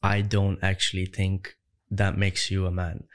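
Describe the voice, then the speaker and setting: As a guest in an interview, a young Irish entrepreneur talks in a lowish, monotone voice that's unhurried and clean in tone. He stays conversational yet emphatic, stacking rhetorical questions with increasing force.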